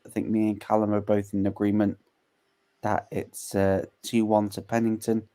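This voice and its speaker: A man's voice: fairly low pitch, flat delivery, moderate pace, warm tone. A young man co-hosting a live fight watchalong, chatting casually, laughing often and recapping the action for viewers who have just tuned in.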